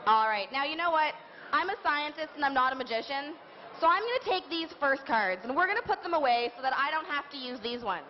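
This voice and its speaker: Playful as a kids' party magician, a woman leads a live children's science and magic show, her high, expressive voice a little quick as she invites the audience to participate. The muffled event recording picks up a noisy crowd and background noise.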